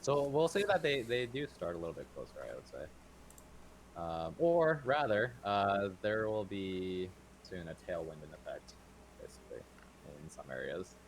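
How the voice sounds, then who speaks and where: A man's voice: low-pitched, very animated, moderate pace, slight background noise. A man narrating as game master of a tabletop game, talking loosely with many fillers.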